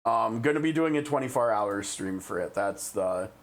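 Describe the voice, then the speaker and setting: A man's voice: on the low side, expressive, normal speed. A man with a Midwestern American accent, chatting casually on a live game stream and thinking aloud as he reads. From Midwestern United States.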